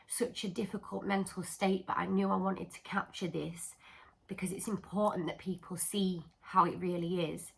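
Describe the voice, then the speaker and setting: A woman's voice: medium pitch, a bit bright, low-quality recording. A woman talking candidly to camera about mental health, in an earnest, explanatory way. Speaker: vlogger.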